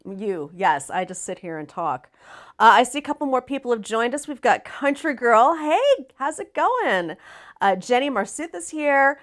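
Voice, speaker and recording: Raspy, hoarse woman hosting casually. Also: fairly high pitch, very animated, moderate pace, a bit bright. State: hoarse, recovering from laryngitis. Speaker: live stream host. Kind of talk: casual livestream chat.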